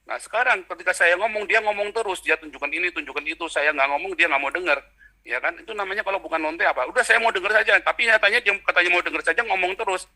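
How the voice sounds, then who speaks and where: A man's voice: high-pitched, quick pace, pushed and bright. A man hosting a heated video-call debate, talking in a mocking, vulgar and combative way.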